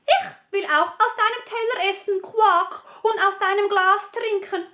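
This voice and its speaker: A woman voicing a persistent little male frog in a spoken fairy tale, breaking in with croaks as he pleads. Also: steady tone, unhurried, bright, forceful tone, exaggerated voice. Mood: insistent. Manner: croaks "quack" between words, high and insistent.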